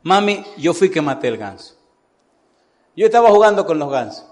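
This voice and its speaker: A man voicing a guilty young boy who pours out a rushed, pleading confession to his mother in a sermon story. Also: on the high side, sing-song.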